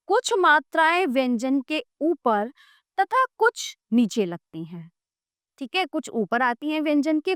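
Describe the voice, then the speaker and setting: High-voiced, slow, patient woman teacher. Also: a bit bright, no echo, clean studio sound. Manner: patient, sounds out letters one by one; keeps checking in with the listener. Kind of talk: explaining a Hindi grammar video book.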